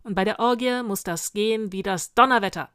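A woman's voice: mid-range voice, brisk, a bit bright, clean tone, dry recording, studio quality, close to an everyday voice. A woman voicing a stout, grumbling old male sergeant who barks drill commands at a troop of witches. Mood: commanding.

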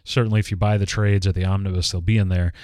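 A man's voice: low voice, level tone, quick pace, darkish tone, no room sound, clean studio sound. A man hosting a podcast, casually recapping a comic book storyline. He rambles, with lots of fillers and self-corrections. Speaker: podcast host.

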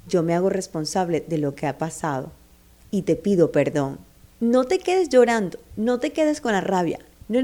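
Woman, motivational speaker, warm mellow voice, emphatic direct address to the listener. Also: mid-range voice. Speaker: self-help speaker. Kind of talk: motivational talk.

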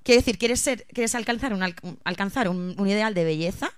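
A woman's voice: mid-range voice, a little fast, clean tone, no echo, clean studio sound. A woman co-hosting a casual podcast chat, thinking aloud with frequent restarts and hesitations. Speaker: podcast co-host.

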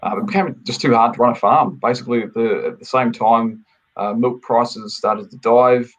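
A man's voice: fairly low pitch, low-quality recording. A man from New Zealand with a New Zealand accent, a podcast guest telling his story steadily, with many fillers. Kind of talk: casual podcast interview.

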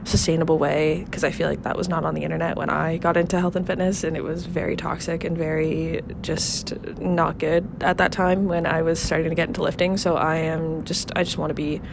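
A young woman in her twenties hosts a casual solo podcast from an outdoor apartment balcony, with noise in the background. Her voice is deep and flat, a little fast with vocal fry and hardly any pauses, and she sounds a bit nasal and congested from a cold. She rambles, leaning on fillers, laughing often and swearing.

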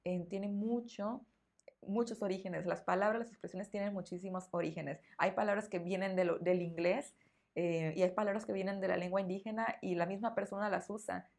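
A woman's voice: mid-range voice, fairly even intonation, normal speed, gravelly, darkish tone. A woman with a Mexican accent, a Spanish teacher hosting a podcast, explaining thoughtfully and repeating words as she searches for them. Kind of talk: conversational podcast interview.

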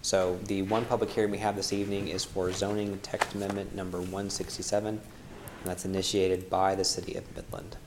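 Male committee chair, low and level, running formal procedure over a meeting room mic. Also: little pitch movement, a little fast, noisy background. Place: council chamber meeting room.

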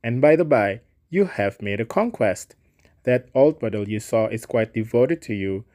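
A man's voice: lowish voice, expressive, normal speed, darkish tone, lightly acted. A man reading aloud, voicing a boisterous, bossy male painter in a hearty, declamatory way. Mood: jovial.

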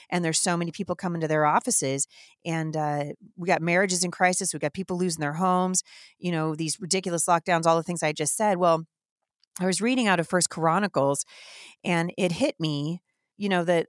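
Indignant low-voiced woman host. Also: no room sound, studio quality. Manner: indignant, emphatic, fast-flowing. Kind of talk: impassioned devotional talk.

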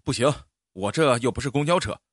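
A man's voice: mid-range voice, expressive, a little fast, dry recording, studio quality, natural voice. A man voicing a grumpy, irritable veteran ambulance driver who snaps at people. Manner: gruff, irritable.

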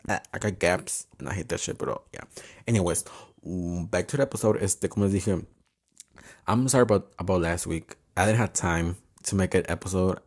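A man with a deep voice and braces on his teeth hosts his own podcast. He chats informally, curses often and drops Spanish words and phrases into his English. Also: brisk, darkish tone. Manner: switches between English and Spanish. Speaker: podcast host. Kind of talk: casual solo podcast chat, swearing freely.

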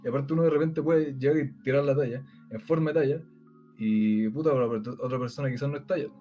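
A man's voice: medium pitch, fast talker, dark tone, muffled recording, faint music behind. A Chilean man with a Chilean Spanish accent debating in casual chat, rambling with many fillers and restarts.

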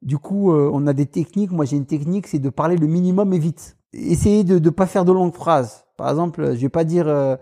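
Hesitant man with a dark voice. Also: fairly high pitch, a little fast, hardly any pauses. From France, of Tunisian family. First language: Tunisian Arabic. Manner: hesitant, with fillers and restarts. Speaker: interviewee. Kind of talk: casual conversation.

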